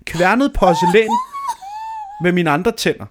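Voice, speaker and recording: A man's voice: high-pitched, expressive, background noise. A man in his thirties telling a dramatic, self-mocking story in a casual chat, swearing freely.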